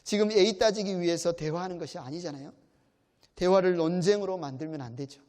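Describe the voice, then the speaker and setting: A man's voice: sits high, a little fast, darkish tone. A male pastor preaching a sermon in a church, earnest and addressing the congregation directly with questions. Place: church sanctuary. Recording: long church hall reverb.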